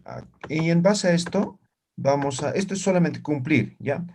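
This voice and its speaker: Patient male teacher, mellow voice. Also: fairly high pitch, slight background noise. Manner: patient, spells out words slowly, asks "¿no ve?" often. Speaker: language teacher. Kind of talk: live online class.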